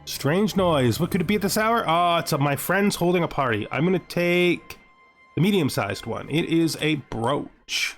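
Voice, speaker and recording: A fairly bright, expressive male voice on the high side speaks at normal speed, with soft music in the background. He hosts gameplay casually, pondering his choices aloud and asking himself what to do.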